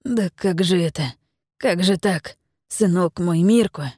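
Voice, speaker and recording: A woman reading the part of an aging peasant miller in an audiobook, pleading and blustering by turns, a little higher than her narration. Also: takes it slowly, warm tone, slightly rough, dry recording, clean studio sound. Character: grieving aging peasant miller, proud, greedy.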